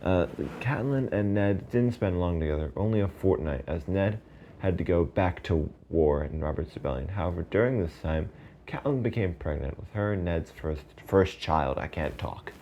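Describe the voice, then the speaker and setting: A man's voice: low voice, expressive, normal speed, warm tone, muffled recording, a little hiss or hum. A man narrating a video casually from a script, stumbling over words now and then, his speech slightly slurred by a retainer in his mouth.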